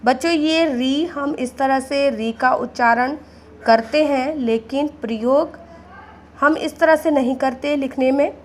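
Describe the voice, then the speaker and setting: Slow, high-voiced woman teacher. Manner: patient, repeats words, addresses children. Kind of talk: slow classroom explanation.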